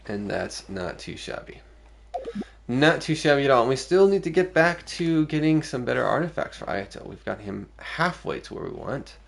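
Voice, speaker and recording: A man's voice: medium pitch, very animated, moderate pace, creaky, a little hiss or hum. A man streaming a video game, thinking aloud through his choices in casual commentary.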